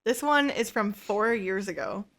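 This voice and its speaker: A woman co-hosting a casual podcast, reading listener stories aloud and giving relaxed, opinionated takes that often trail off quietly. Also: mid-range voice, a little slow. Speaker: podcast co-host.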